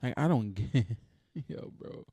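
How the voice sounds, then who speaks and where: A man's voice: mid-range voice, lively intonation, a little slow, mellow, breathy edge, no room sound. A man hosting a reaction video, talking in a blunt, profane, exasperated casual rant.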